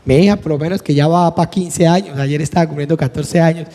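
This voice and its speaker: A man's voice: a little high, a little fast, warm tone. A middle-aged man, teaching a church class earnestly and acting out the dialogue in his personal stories. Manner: earnest, acts out dialogue vividly. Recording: echoey hall with long reverb.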